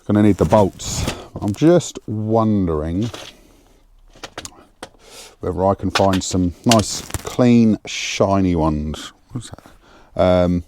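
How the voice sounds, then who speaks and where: Speaking slowly and pausing often, a man with a low, slightly mellow voice thinks aloud while repairing an engine in his home garage. He's a mechanic vlogger chatting casually with many fillers, recorded on a lapel mic with a bit of hiss or hum.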